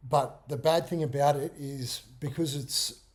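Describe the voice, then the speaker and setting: A man's voice: a little high, steady tone, a little slow, breathy edge. A man, a fitness coach explaining things informally in a casual chat.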